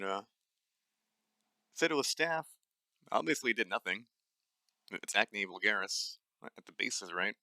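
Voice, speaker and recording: With a lowish, pushed and bright voice on a dry recording, a young man rants solo on the nutrition podcast he hosts. He sounds blunt and angry in a dry voice, swearing frequently and tripping over many fillers and restarts.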